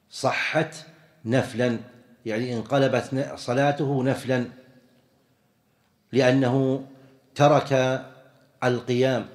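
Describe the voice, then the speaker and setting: A man's voice: mid-range voice, a little mellow. A man teaching a religious jurisprudence lesson, explaining step by step, repeating key terms and quizzing his students.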